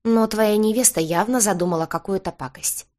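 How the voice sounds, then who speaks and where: A woman's voice: mid-range voice, fairly quick, a little mellow, pitched above the performer's own voice, natural voice. A woman voicing a sheepish young sleuth. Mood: apologetic. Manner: apologetic, sly. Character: guilty young man sleuth, sly.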